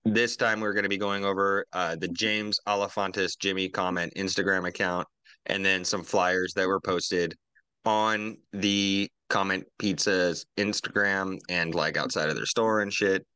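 A man's voice: low-pitched, steady tone, a little slow, sharp tone, clean tone, no room sound. A man hosting a podcast in a laid-back, casual way, swearing freely as he talks. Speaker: podcast host.

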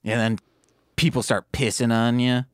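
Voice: mid-range voice, level tone, normal speed, clean tone, no echo, studio quality. A podcast co-host chatting casually, joking and riffing on tangents.

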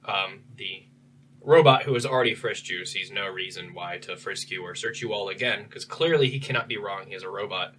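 A man's voice: on the low side, a little fast, a bit bright. Brief: male game master, rambling livestream narration, distant mic with faint hiss. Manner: rambling narration with fillers and restarts.

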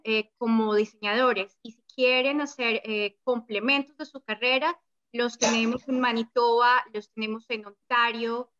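A woman's voice: fairly high pitch, sharp tone, dull audio. A woman guest explaining study programs, listing options steadily with small fillers. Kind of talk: casual chat.

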